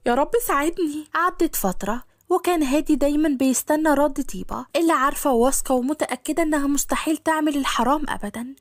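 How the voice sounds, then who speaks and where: A woman with an Egyptian accent narrating an audio story in a lively storytelling manner. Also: high-pitched, fast, no room sound, clean studio sound.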